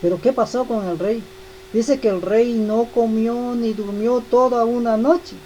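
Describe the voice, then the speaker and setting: A woman's voice: fairly high pitch, steady tone, measured pace, mellow, lo-fi sound, slight background noise. A woman giving a devotional Bible teaching, speaking emphatically and repeating key phrases.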